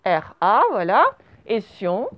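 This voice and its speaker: A woman's voice: mid-range voice, sing-song, slow, muffled recording. A woman teaching a children's dictation, stretching each word and spelling it out syllable by syllable. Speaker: primary school teacher.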